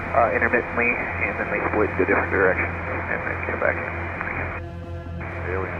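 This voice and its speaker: A man with a fairly low voice speaks slowly over an aircraft radio as a pilot, halting between short clipped reports. The transmission is muffled and distant, with loud music playing behind it. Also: fairly even intonation. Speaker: airline pilot.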